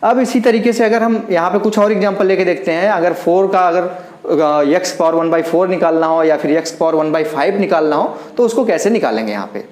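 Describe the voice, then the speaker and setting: A man's voice: sits high, a little fast, darkish tone. A man teaching a maths lesson, talking students through each step and counting aloud as he writes. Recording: roomy echo.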